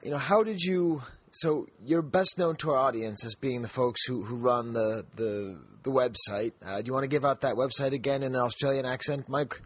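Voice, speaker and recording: A man's voice: medium pitch, moderate pace, few pauses. A man hosting a podcast, talking in a friendly, jokey way with lots of restarts. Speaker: podcast host. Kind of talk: casual podcast chat.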